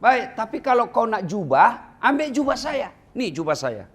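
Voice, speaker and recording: A generous holy man offers his robe to a beggar, as a preacher voices him. His tone is raised and lively, rising high as he insists. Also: normal speed, breathy edge, heavily acted.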